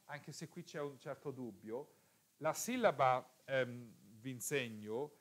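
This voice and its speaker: A man teaching a class, who repeats the key rules, puts questions to his students and often hesitates and corrects himself. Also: medium pitch. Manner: frequent hesitations and self-corrections. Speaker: teacher of biblical Hebrew. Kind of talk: lecture to students.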